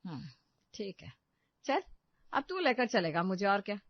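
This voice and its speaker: A woman voicing a bossy older mother-in-law in an animated story, speaking bluntly and giving orders. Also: medium pitch, measured pace, no room sound. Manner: commanding, blunt. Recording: dull lo-fi dry recording.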